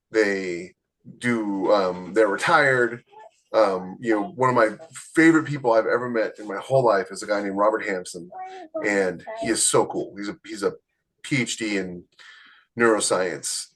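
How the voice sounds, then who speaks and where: An indie author co-hosting a podcast chats casually about publishing, speaking emphatically and repeating points for stress. His voice is fairly low and a bit bright, and the recording is rough.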